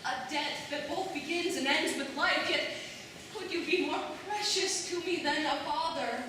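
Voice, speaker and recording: An actress playing a defiant but dutiful young noble daughter in classical verse drama, wry and formal in a theatrical way. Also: female voice, sits high, moderate pace, pushed and bright. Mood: respectful pleading. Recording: echoey room, distant mic, faint noise.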